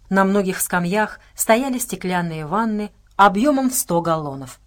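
A woman narrating an audiobook in an even, measured reading style. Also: medium pitch. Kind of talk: scripted narration.

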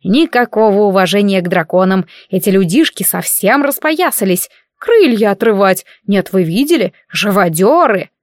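A woman's voice: medium pitch, animated, moderate pace, hardly any pauses, dry recording, studio quality, lightly acted. A woman voicing an indignant male gargoyle servant who mutters complaints in an audiobook. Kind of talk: audiobook character voice.

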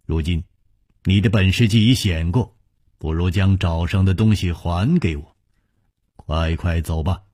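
A man voicing a calm, witty young male swordsman with a soft, husky, composed voice. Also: sits low, a little slow, long pauses, dry recording, studio quality.

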